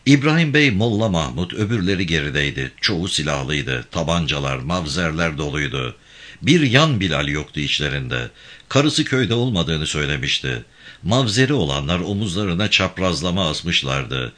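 Deep-voiced man reading a novel aloud. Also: very animated, moderate pace, a bit bright. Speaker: audiobook narrator. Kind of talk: audiobook narration of a novel.

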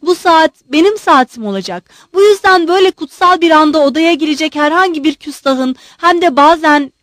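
A woman's voice: high voice, sing-song, no echo, studio quality. A woman reading the part of an agitated, effusive old male general who pleads and bursts out emotionally. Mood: fervent. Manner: pleading, emotional, rushing outbursts.

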